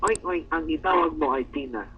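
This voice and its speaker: A slightly high-pitched Filipino man talks a little fast as he taunts coworkers, laughing often and repeatedly growling "arr" in mockery. He's in an indoor room, and the distant, dull lo-fi recording has a little hiss or hum.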